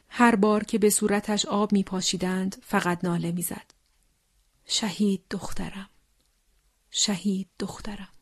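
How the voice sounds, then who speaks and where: A woman narrates a grim wartime account in a solemn, measured read. Her voice sits at an ordinary middle pitch and keeps dropping into hushed, breathy whispers. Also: no room sound, studio quality. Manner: solemn, slow, often sinks to a hushed whisper. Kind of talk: scripted narration of a wartime testimony.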